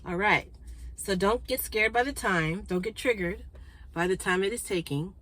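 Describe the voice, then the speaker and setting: A woman hosting a spiritual card reading for her viewers, chatty and congested, clearing her throat and often checking in with "okay?". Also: mid-range voice, normal speed, a bit bright, poor audio. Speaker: spiritual card reader and channel host.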